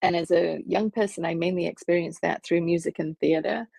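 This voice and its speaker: A middle-aged woman from England with a Liverpool accent, a professor being interviewed, talking thoughtfully with many pauses and ums. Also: fairly low pitch, steady tone, gravelly, dark tone, no echo. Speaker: professor, guest. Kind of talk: conversational interview.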